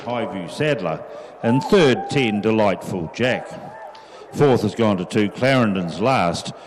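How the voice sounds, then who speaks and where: Slow-paced Kiwi male race judge. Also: lowish voice, expressive, background noise. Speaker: race judge announcing results. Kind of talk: formal announcement of placings and times.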